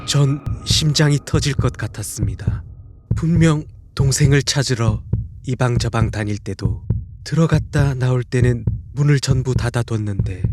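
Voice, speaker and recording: A man narrating a first-person horror story in a scripted style, dropping to a hushed, low voice at tense moments. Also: noisy background.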